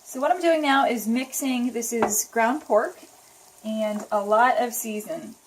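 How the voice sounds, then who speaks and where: In her home kitchen, a woman with a higher-pitched, unhurried voice gives a casual, chatty recipe demonstration, explaining each step as she goes. A sizzling pan, along with frying and stirring sounds, plays behind her voice.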